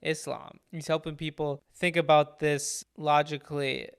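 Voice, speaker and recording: A man giving casual, animated and incredulous reaction commentary. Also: a little high, measured pace, vocal fry, clear, resonant tone. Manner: incredulous, animated, laughs often.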